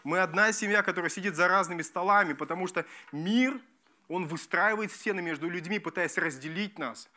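A man preaching a sermon as pastor, emphatic and lively, repeating key phrases and restarting words. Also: sits high, brisk. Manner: lively, emphatic preaching with repetitions and self-corrections.

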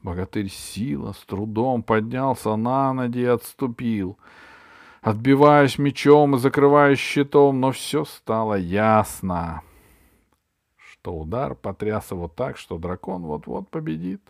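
A man narrating a children's fairy-tale audiobook with steady, even storytelling. His voice sits at a middle pitch. The recording is close and dry with no room sound. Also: a little slow, vocal fry, dry recording.

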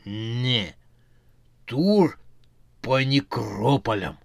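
Brief: dim zombie foreman, read by a man, slow hissing one-word grunts, very unhurried, dry close sound. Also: mid-range voice, expressive, gravelly, dry recording, exaggerated voice. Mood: dull, halting. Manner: slow, halting single words, hissing.

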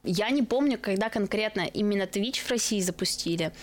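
A young woman from Russia, guest on a casual podcast, tells stories with lively acted-out quotes. Her voice sits at an ordinary middle pitch for a woman. She works as a streamer and esports caster. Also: a little fast. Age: 20s.

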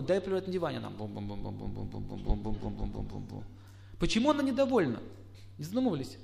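A middle-aged man giving a lecture, putting questions to his listeners and acting out quoted spouses in lively asides. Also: sits high, vocal fry. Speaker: astrologer lecturer. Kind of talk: lecture to a live audience.

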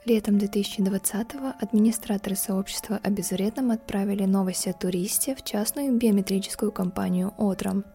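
A woman narrating a scripted true-crime podcast as its host, in a measured storytelling read. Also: mid-range voice, steady tone, dark tone. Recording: music behind the voice. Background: background music.

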